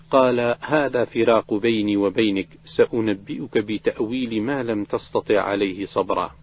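A man with a low voice reads an old religious text aloud at an even, measured pace. His recitation carries the quoted exchanges without acting them out. The recording sounds dull and muffled. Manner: steady measured reading, quoted dialogue read without acting. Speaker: reader of a hadith collection.

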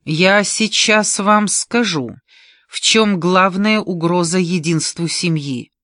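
Reader playing a reckless taunting brother, loud raised voice, slow emphatic pace, dry close recording. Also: medium pitch, no echo. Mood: defiant. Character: defiant grown man, reckless blurting brother.

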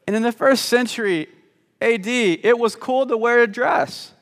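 A male pastor preaches in a church with a voice set high for a man, keeping the tone loose and joking as he stumbles over his words. His sermon rings with the long reverb of the church hall. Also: normal speed, fairly bright tone. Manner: conversational and joking, with repeated false starts. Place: church sanctuary.

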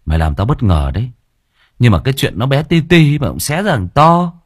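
A man doing a gruff, blunt young guy. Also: sits low, sing-song, normal speed, darkish tone, no echo, clean studio sound, pitched below the performer's own voice, heavily acted. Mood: scolding. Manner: curt, swearing, scolding. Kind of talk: audiobook character voice.

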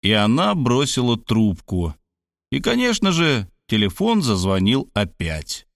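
A man's voice: medium pitch, a little slow, creaky, no echo, studio quality. Wry middle-aged male audiobook narrator. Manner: wry, self-ironic, lively with voiced quotes. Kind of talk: first-person audiobook narration.

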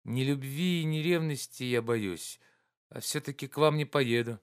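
Oblomov, a man doing an excitable gentleman. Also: a little slow, clean tone, lightly acted. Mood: gloomy. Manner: high, fervent, breathless. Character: emotional gentleman, excitable, soft-hearted.

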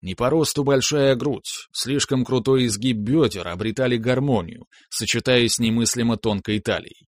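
An audiobook narrator reads a scripted first-person story aloud in a measured, wry storytelling style. His voice is medium-pitched, and the recording is dry with clean studio sound.

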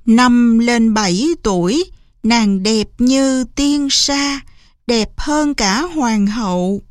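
A woman reads a fairy tale aloud in an expressive storybook manner. Her pace is very slow and her voice sits a little high. The recording is dry and close. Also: no echo. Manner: expressive, unhurried reading. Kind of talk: storybook narration.

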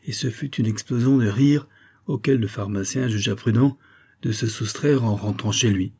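A man narrates a classic novel as an audiobook, telling the story in a measured, even manner. His voice is lowish and husky.

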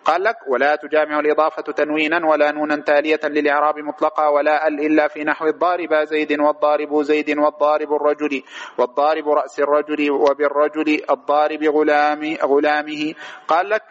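A man with a fairly high voice and completely flat delivery teaches a grammar class quickly, reading from the text and explaining it. He asks the students questions and answers them himself, in a dull lo-fi lecture recording with faint noise.

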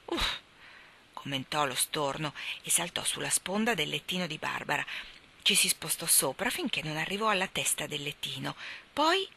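A woman reading a children's story aloud in an expressive, melodic way. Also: sits low, normal speed, creaky, slight background noise. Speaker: reader.

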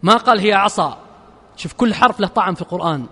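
Male Gulf Arabic preacher, fairly high voice; slow chanted verses, brisk conversational asides; long reverb of a big hall. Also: lively intonation, sharp tone, husky. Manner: chants verses slowly, then explains in quick casual asides. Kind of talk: sermon.

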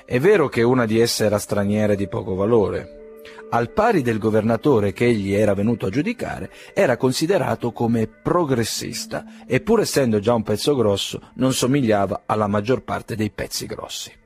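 A man narrating a classic novel in a measured, gently ironic audiobook reading. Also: on the low side, expressive, faint music behind.

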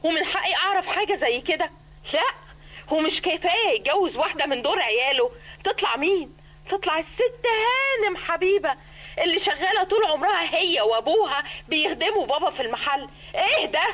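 A furious daughter on the phone. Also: female voice, very high voice, expressive. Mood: outraged. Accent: Egyptian. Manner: outraged, rapid protesting. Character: indignant grown daughter, furious at father's remarriage. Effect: telephone. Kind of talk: Egyptian radio drama. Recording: tinny phone-line sound.

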